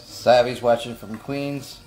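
Casual man reading viewer shout-outs. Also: mid-range voice, fairly even intonation, slow, faint music behind, poor audio. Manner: casual, reads out where viewers are watching from. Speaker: co-host reading viewer comments.

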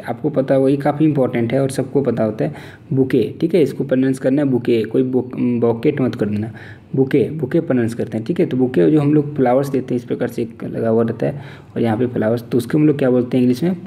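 A man with an Indian accent gives an exam-prep vocabulary lesson in a very dark, mellow voice. He reads each English definition out slowly, then explains it in Hindi, often checking in with "theek hai". His pitch sits in the middle for a man. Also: vocal fry. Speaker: teacher.

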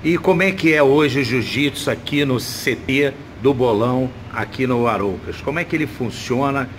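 Medium-pitched Brazilian male interviewer, some noise. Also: normal speed. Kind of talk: casual interview. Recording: noticeable background noise.

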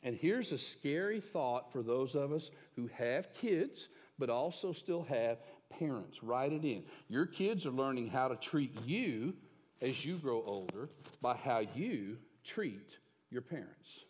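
A middle-aged pastor preaching from the stage, his voice carrying a long reverb through the church sanctuary. He swings between emphatic bursts and quiet, hushed asides. His pitch sits at a middle level for a man. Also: animated, slow, slightly rough. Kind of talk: sermon.

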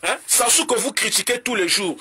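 A man from the Republic of the Congo with a Congolese French accent, delivering a heated political rant to camera in a combative, mocking way and switching languages in rapid bursts. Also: high-pitched, sharp tone, husky. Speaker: political commentator.

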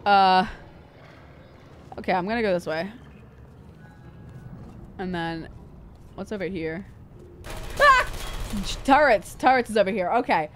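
A woman's voice: on the low side, measured pace, long pauses, a little hiss or hum. A woman livestreaming a game in a cute, bubbly anime-streamer way, chatting casually and repeating phrases to herself.

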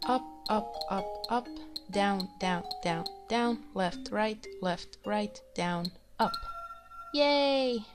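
A woman hosting a let's play, hoarse from being sick and reacting to the game with excited exclamations and giggles. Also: mid-range voice, takes it slowly. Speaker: gaming video host. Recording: faint music behind.

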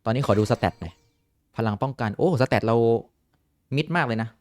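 A young man talks through a game in casual commentary, voice pitched in the middle range. He is excitable and swears freely, breaking into exclamations whenever the game surprises him. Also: a little fast. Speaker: gaming YouTuber.

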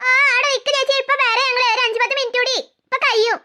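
A woman voicing an eager, chatty little sister in a cartoon story who is quick to take sides. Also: extremely high pitch, little pitch movement, pushed and bright.

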